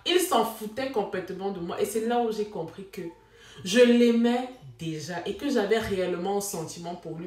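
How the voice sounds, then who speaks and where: A young woman telling her own story in casual talk, dramatic and animated, with sudden exclamations. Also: mid-range voice, far from the mic. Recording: echoey room, a bit off mic.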